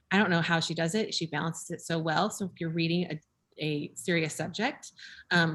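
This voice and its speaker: A woman who buys books for a shop, chatting over a video call in an animated way with quoted asides. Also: low voice. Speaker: bookshop book buyer. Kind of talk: casual book chat over video call.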